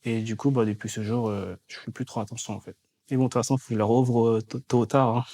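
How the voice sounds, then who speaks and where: A young man, talking casually and candidly in a relaxed, slangy way. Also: medium pitch, fast. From France. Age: 20s. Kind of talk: casual conversation.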